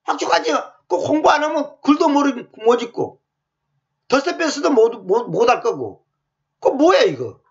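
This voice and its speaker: A male pastor preaching a sermon in a colloquial, animated way full of rhetorical questions. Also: very high voice, normal speed, gravelly. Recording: muffled lo-fi sound.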